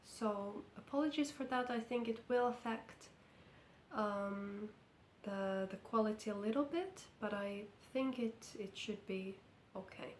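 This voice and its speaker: This knitting vlogger from Finland talks through a casual update in accented English, her medium-pitched, darkish voice croaky with illness. She goes slowly and carefully, a bit hesitant, in a lamp-lit room that sounds roomy with slight background noise.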